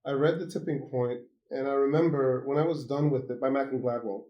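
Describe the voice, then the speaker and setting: Swedish-born male guest, lively and rambling, mid-range voice. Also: mid-range voice, a little fast, lo-fi sound. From Sweden. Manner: animated, many fillers and restarts. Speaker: guest author. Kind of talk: phone interview. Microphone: phone call.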